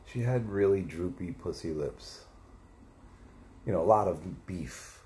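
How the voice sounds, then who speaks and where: At a measured pace and in a dark, low tone, a man streaming from home spins profane, meandering tales, often doubting and revising the specifics. A faint hiss or hum runs under his casual monologue.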